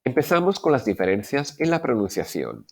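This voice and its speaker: A man giving a Spanish language lesson, explaining clearly and methodically and slowing down to sound out his examples. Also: mid-range voice, wildly swooping pitch. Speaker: Spanish teacher.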